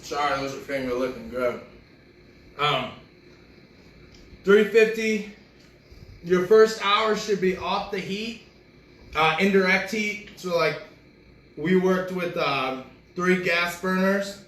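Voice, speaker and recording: Male cooking-show host, relaxed and chatty, slightly high voice, recorded at a distance in an echoey room. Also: takes it slowly. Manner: talks while chewing, relaxed and chatty. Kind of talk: casual cooking video chat.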